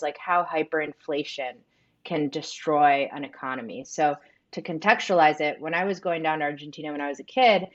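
Her voice is deep and the audio is dull. She's a company co-founder from the United States, a native Spanish speaker, giving earnest, thoughtful interview answers sprinkled with "um" and "like."

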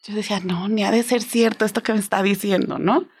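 A woman from Guadalajara with a Mexican accent, telling a personal story in an expressive, conversational way and often tagging her sentences with little questions. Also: medium pitch, quick pace, breathy edge, faint music behind. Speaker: storyteller guest.

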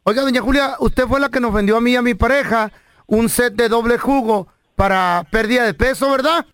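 A man's voice: very high-pitched, a little fast, fairly bright tone, smooth, no room sound. A man, co-hosting a radio show, telling jokes and playing pranks playfully. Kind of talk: joke-telling banter.

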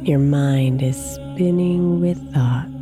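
A woman leading a guided meditation in a soft, soothing, gently drawn-out manner, as its host. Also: deep voice. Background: new-age music with singing bowls.

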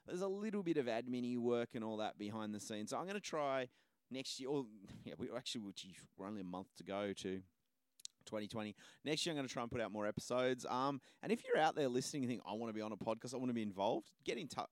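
A man's voice: medium pitch, lively intonation, fast, smooth, no echo. Rambling male podcast host. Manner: self-deprecating, rambling. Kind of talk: casual rambling podcast talk.

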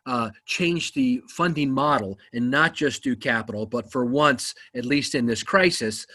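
Husky-voiced enthusiastic male podcast host. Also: medium pitch, unhurried, pushed and bright. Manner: enthusiastic, many ums and uhs. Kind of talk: casual podcast talk.

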